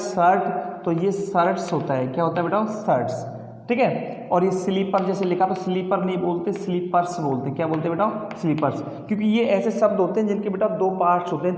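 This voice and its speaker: A man's voice: high voice, darkish tone. A man teaching an English lesson, calling students "beta" and repeating the answers to his own questions. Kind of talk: classroom lesson. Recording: echoey room with long reverb.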